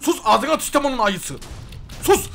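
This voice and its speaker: A young man giving loud, excitable gameplay commentary, swearing and yelling at the mobs on screen. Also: high-pitched, fairly quick, background noise. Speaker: gaming YouTuber. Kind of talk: Minecraft mod review commentary.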